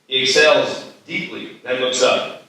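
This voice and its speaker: At a live script reading, a man narrates the stage directions in a bright, medium-pitched voice at a slightly slow pace. He is recorded from a distance in a very echoey hall with some ambient noise.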